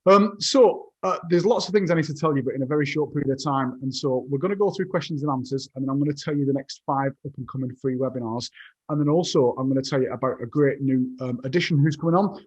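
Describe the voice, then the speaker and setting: A man hosting a webinar, enthusiastic and rambling with restarts. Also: on the high side. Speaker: webinar host. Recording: dull lo-fi audio.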